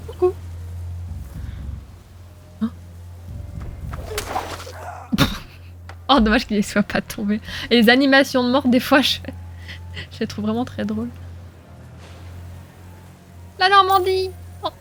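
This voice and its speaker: A woman's voice: a little high, expressive, slow pace, long pauses, a bit bright. A woman streaming a video game, chatting casually and playfully with her viewers and laughing often. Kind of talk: casual live gameplay commentary.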